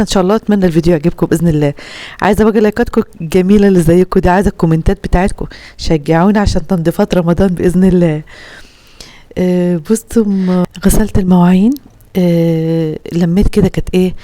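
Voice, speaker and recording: A woman's voice: fairly low pitch, mellow, no room sound. A woman from Upper Egypt with an Upper Egyptian Arabic accent, chatting earnestly with viewers as a home vlogger and giving heartfelt advice full of pious phrases.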